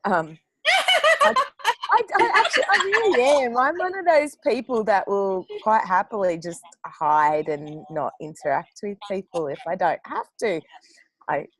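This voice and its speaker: A woman's voice: medium pitch, very animated, unhurried, crowd noise, low-quality recording. A woman author on a panel discussion who talks bluntly, swears freely and laughs often.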